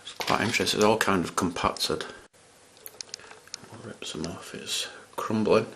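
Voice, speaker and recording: A man's voice: lowish voice, measured pace, fairly bright tone, slight background noise. A man chatting casually as he reviews candy on camera, rambling and restarting his sentences. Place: at home in front of a camera.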